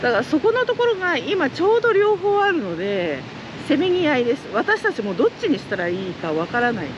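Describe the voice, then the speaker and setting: Standing by her fish ponds, a middle-aged trout farmer from Japan chats earnestly in an outdoor interview, lively and full of fillers. She speaks quickly in a high pitch, and the recording has its highs cut off and background noise.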